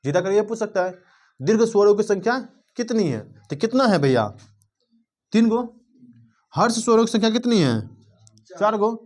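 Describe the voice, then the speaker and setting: High-voiced teacher drilling grammar. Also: male voice, animated, a little mellow. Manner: drills students with repeated questions and "clear?" checks; drawls words out slowly to show vowel length. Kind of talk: classroom grammar lesson.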